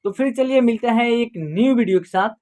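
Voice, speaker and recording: A teacher giving an online Hindi reading lesson for beginners, spelling words out letter by letter and then saying each whole word slowly and drawn out. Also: medium pitch, a little mellow. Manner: patient, repeats each sentence in pieces.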